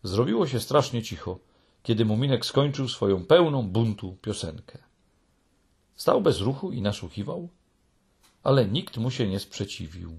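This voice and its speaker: A man narrating a children's tale in an expressive, dramatic way. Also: mid-range voice, unhurried, gravelly, breathy edge.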